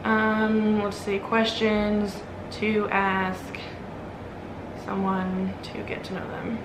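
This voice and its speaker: A woman in her early twenties from Omaha, Nebraska, with an American accent, answers questions about herself in a casual get-to-know-me Q&A vlog. She speaks extremely slowly in a monotone, medium-pitched voice, informal and rambling with frequent "like". The recording has a roomy echo and clear background noise.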